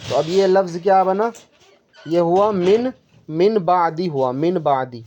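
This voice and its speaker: A man tutoring a student in Quran recitation, patiently explaining and repeating each point slowly. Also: high voice, darkish tone, slight background noise. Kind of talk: one-on-one tutoring lesson. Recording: dull lo-fi recording.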